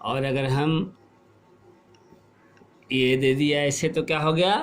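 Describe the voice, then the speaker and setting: A middle-aged man teaching a class, explaining slowly and asking questions, then repeating the answers. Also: on the high side, steady tone, over music. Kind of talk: classroom lesson.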